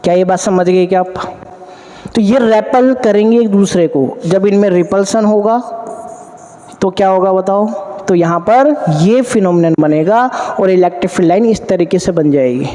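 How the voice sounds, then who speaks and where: High-voiced male teacher, echoey hall. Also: moderate pace. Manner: drills students with repeated questions and answers; addresses students warmly as 'beta'. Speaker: physics teacher. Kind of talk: classroom lecture at a board. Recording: long hall reverb.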